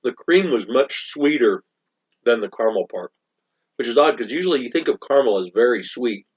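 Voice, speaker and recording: A man's voice: mid-range voice, lively intonation, brisk, breathy edge. Chatty man reviewing candy, lo-fi sound. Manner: chatty, analytical, talks while chewing. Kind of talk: casual chat.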